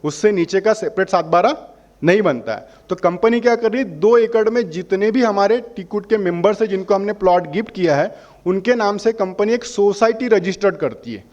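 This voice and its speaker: A man's voice: high voice, moderate pace, darkish tone, highs cut off. Persuasive man explaining a membership. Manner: persuasive, asks questions and answers them himself. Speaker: holiday membership company representative. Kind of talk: explaining a sales pitch to customers.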